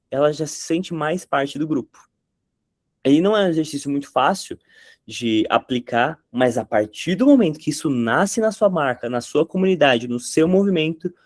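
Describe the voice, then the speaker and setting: A man's voice: medium pitch, dry recording. Man teaching in a dry close sound. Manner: conversational, with quick impressions of catchphrases. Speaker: content creation teacher. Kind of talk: explanatory talk to camera.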